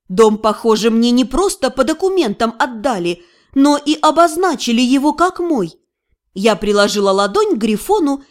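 Expressive woman narrating an audiobook. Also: sits high. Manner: expressive storytelling. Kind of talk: first-person scripted narration.

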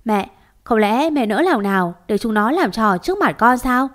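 A woman's voice: fairly high pitch, animated, moderate pace, natural voice. A woman reading an audio story, voicing a weak young husband who pleads and defends himself. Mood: pleading.

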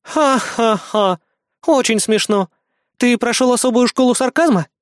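This audiobook narrator plays a stern, sarcastic young woman agent, pushing her natural mid-range voice upward. The delivery is brisk and animated, curt and commanding with a note of mockery, captured in clean studio sound without any room tone.

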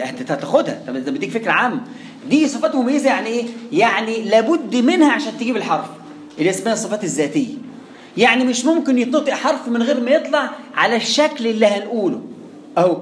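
A man with an Egyptian accent teaches Quran recitation to a room of students. He talks at a brisk clip, poses questions and answers them himself, and slows down to draw out sounds as examples. The recording is echoey, with a faint hum underneath. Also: high-pitched. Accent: Egyptian Arabic. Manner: asks and answers his own questions, drawing out sounds to demonstrate. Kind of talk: classroom lesson on recitation rules. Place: classroom with students.

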